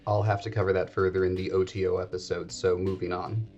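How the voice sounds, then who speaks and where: Talking fast in a low, fairly flat, slightly mellow voice, a man whose first language is English hosts an educational podcast. He wanders chattily through history, correcting himself as he goes, with the highs cut off and faint music behind.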